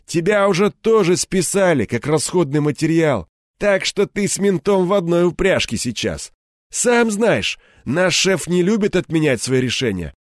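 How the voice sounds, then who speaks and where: A man voicing a hard, commanding gang leader with a hoarse, curt delivery. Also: on the high side, dry recording, clean studio sound, voice pushed up. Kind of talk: audiobook character voice.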